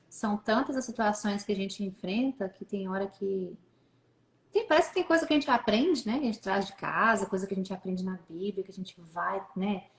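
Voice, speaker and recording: A woman interviewing her guest in casual chat, soft-spoken and affirming. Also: mid-range voice. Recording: roomy echo.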